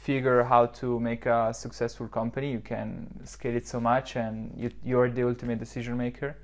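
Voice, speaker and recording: Recorded with a lapel mic in a modern indoor office lounge, this medium-pitched man keeps a level tone and a brisk pace. He's a startup founder in his twenties from southern Switzerland, reflecting on questions in a podcast interview while restarting often and filling pauses.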